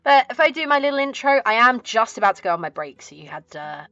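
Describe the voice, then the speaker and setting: Woman, southern English accent, bright tone, chirpy cute streamer friendliness, casual livestream chat, dry close sound, soft music behind. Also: a little high, very animated, fast, no echo, highs cut off. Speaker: craft livestreamer and host.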